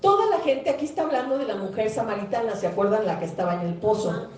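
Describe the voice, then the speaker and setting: A woman's voice: a little high, animated, fast talker, darkish tone. Woman pastor, distant echoey hall. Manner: conversational preaching, quizzes the congregation, acts out quoted speakers. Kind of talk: sermon. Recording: echoey church hall, mic far off.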